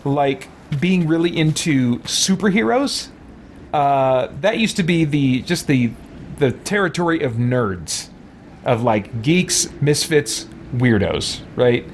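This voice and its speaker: With a slight hiss or hum in the recording, this man speaks slowly in a fairly high voice with lively intonation. He's a let's play streamer thinking aloud over his gameplay in a relaxed, rambling way, picking up and answering chat messages.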